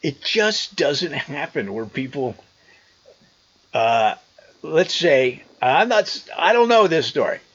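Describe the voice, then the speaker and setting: An American man tells a story in a casual, amused vlog style. His pitch moves around in an animated way while his pace stays unhurried. The voice is a little husky, recorded outdoors. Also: highs cut off. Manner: amused, chuckling conversational storyteller. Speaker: vlogger. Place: outdoors on a trail.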